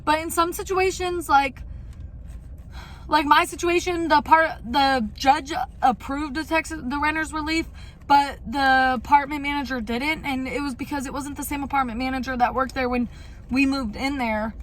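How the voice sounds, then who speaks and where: Speaking at a moderate pace in a steady, high-pitched tone, a young woman gives a rambling, candid life-update vlog. She keeps it casual and drops some mild swearing.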